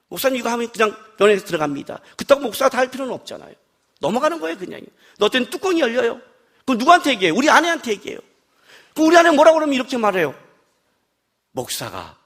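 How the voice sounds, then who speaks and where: A man's voice: extremely high pitch, fairly bright tone. A middle-aged man preaching an expository sermon at a worship service, telling stories and acting out his wife's replies. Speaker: pastor.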